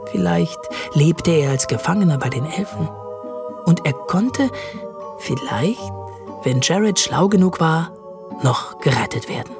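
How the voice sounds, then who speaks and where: An audiobook narrator telling a fantasy story in a steady storytelling voice. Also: medium pitch. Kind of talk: scripted narration.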